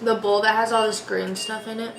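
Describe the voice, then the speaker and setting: A woman's voice: fairly high pitch, level tone, fairly quick, vocal fry. A young woman chatting casually as a vlog co-host. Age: young adult. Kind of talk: casual chat. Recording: very noisy echoey room.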